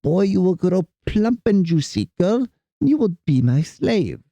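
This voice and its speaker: A man's voice: high-pitched, big pitch swings, unhurried, creaky, mellow, no room sound, pitched above the performer's own voice, exaggerated voice. A man voicing a wicked old witch who cackles and turns from sugary sweet to harsh. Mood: cruel.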